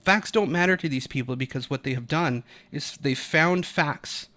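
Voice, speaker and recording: His voice runs high, pushed and bright, at a moderate pace as this Utah man rants unscripted on video. He's opinionated, argumentative and emphatic, with profanity dropped in casually.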